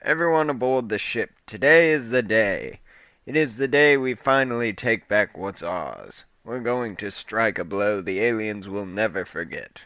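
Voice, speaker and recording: A man's voice: on the low side, lively intonation, unhurried, a bit bright, no echo. A man playing a commanding, wisecracking male rebel leader who gives orders to his crew. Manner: commanding, sarcastic.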